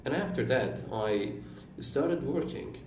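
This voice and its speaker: With a medium-pitched, darkish voice and lively intonation, this twenty-something vlogger from Iran, Turkish being his first language, talks reflectively about his own life. He speaks slowly and haltingly, pausing and revising his words, and the audio is roomy and distant with faint room noise.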